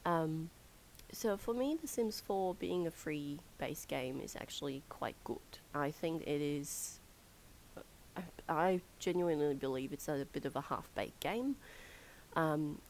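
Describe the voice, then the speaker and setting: A woman's voice sits a little low and sounds hoarse and croaky from being ill. She rambles casually as she comments over her gameplay, pausing on fillers and breaking into soft laughs. A faint hiss runs underneath. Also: rough recording. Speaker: gaming channel host.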